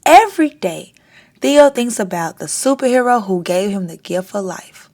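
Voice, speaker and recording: Hosting storytime, a woman reads aloud from a children's picture book in a mid-range voice. She takes a deliberate, expressive approach to the reading.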